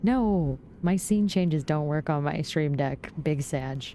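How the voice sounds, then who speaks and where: A woman streaming a game live, chatting casually and swearing, quick to squeal when excited. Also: a little hiss or hum. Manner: excitable and profane, jumps to high yelps. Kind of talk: casual live gameplay commentary.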